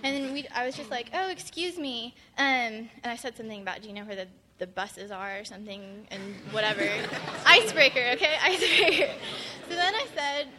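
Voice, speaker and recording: High bright young woman telling a story. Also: fairly quick, slight background noise. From Texas. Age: young adult. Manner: animated storytelling with frequent laughter. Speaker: college student sharing a testimony. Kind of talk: casual testimony sharing.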